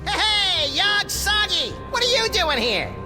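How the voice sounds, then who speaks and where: A man voicing a manic, mischievous small rabbit-like creature in a cartoon video game, excitable and wisecracking. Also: very high voice, slow pace, music in the background, heavily acted. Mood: cheeky.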